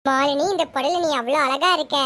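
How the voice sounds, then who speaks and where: A caring mother of the bride, played by a woman speaks in a very high voice. She soothes her daughter but scolds her firmly. It is an amateur family serial. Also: brisk, fairly bright tone. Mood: scolding.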